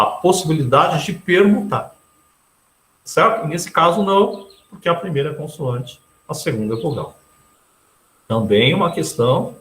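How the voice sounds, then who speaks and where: A man from Brazil delivers a recorded math lesson, working through exam problems one step at a time. His pitch moves a lot, and he keeps turning to the class with quick questioning tags. The room around him rings with a noticeable echo. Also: fairly bright tone. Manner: explains step by step, tags nearly every sentence with a questioning tag. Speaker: teacher. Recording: echoey room.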